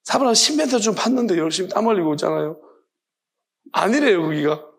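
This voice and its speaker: Emphatic high-pitched preacher. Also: male voice, expressive, brisk. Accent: Gyeongsang. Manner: emphatic, rhetorical questioning. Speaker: pastor. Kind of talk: sermon.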